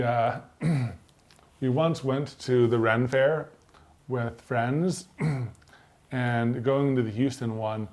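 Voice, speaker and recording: A man co-hosting a casual livestream chat, rambling with fillers and often clearing his throat. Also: mid-range voice, dark tone. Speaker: co-host.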